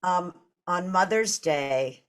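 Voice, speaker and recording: A woman's voice: on the low side, lively intonation, slow. Boston lady in her 60s on a live podcast, storytelling, joking around. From Boston area, US. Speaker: podcast co-host.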